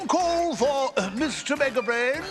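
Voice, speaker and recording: An actor voicing a male bellhop who gives a soft paging announcement for a guest. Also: very high-pitched, animated, measured pace. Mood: polite. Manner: polite, formal paging. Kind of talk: cartoon voice acting.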